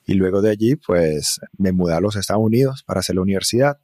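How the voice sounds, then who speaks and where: A man from Venezuela, a guest in an interview, telling his story in a relaxed, reflective way with small fillers. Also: sits low, quick pace, dry recording, studio quality. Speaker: guest, psychedelic facilitator. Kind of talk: conversational interview.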